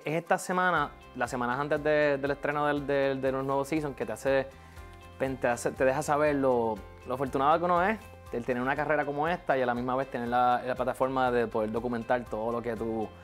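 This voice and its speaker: A man in his thirties from Puerto Rico with a Puerto Rican Spanish accent, talking earnestly as an interview guest in a TV studio and often repeating words as he thinks. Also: medium pitch. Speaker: real estate agent, interview guest.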